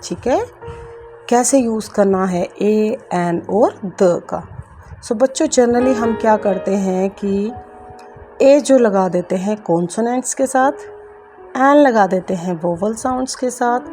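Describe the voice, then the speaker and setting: A woman's voice: medium pitch, takes it slowly, dark tone, faint music behind. A woman from India with an Indian accent teaching English grammar in a patient, repetitive way, speaking to her students as kids. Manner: patient, repeats key points, addresses students as kids. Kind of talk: grammar lesson explaining at a board.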